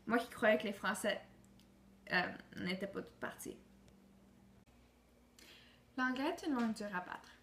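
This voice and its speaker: A woman reciting an earnest, declamatory monologue for a school project, with frequent restarts. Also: a little high. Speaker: student. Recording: roomy echo with faint ambient noise.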